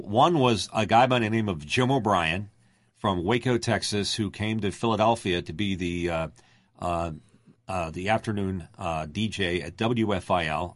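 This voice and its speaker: Deep-voiced male radio announcer. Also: no echo. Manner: projected announcer delivery. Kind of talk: casual interview storytelling.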